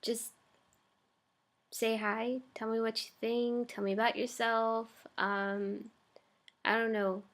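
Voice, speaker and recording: A woman's voice: on the high side, level tone, slow, long pauses, fairly bright tone. A young woman chatting casually in her first vlog, hesitant and full of ums and likes. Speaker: vlogger.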